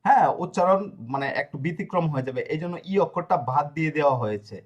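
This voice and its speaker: A man teaching a grammar lesson to a class, explaining step by step and often asking if students follow. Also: a little high. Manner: explanatory, checks understanding with frequent questions; spells out verb endings slowly. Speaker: language teacher.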